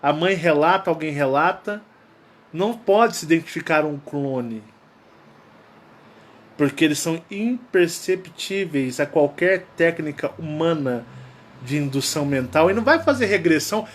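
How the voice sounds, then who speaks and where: Animated and unhurried, his fairly high voice carries a Brazilian Portuguese accent as he hosts his channel. He tells a personal story casually and emphatically, repeats key phrases often, and acts out the quoted dialogue.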